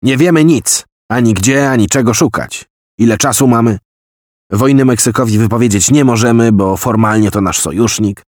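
A man's voice: medium pitch, moderate pace, a little mellow, dry recording, clean studio sound, close to an everyday voice. A man voicing an agitated American general who heads an intelligence office, given to long declamatory tirades. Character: blustering American general, spy chief.

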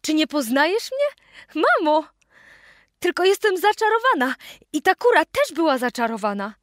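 A woman's voice: extremely high pitch, big pitch swings, normal speed, no echo, studio quality, voice pushed up. A woman voicing an eager, anxious young girl in a storybook reading, with an earnest, pleading manner.

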